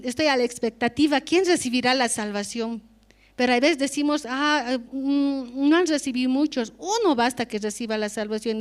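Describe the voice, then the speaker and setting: A woman with a Bolivian Spanish accent giving an earnest, conversational testimony in church, often adding tag questions. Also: high-pitched. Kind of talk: spontaneous spoken testimony in church.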